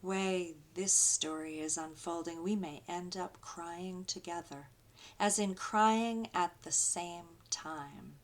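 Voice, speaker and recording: Woman, pastor, sermon with poetry reading, very slow, lowish voice, rhythmic refrains. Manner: slow, rhythmic, incantatory delivery with repeated refrains.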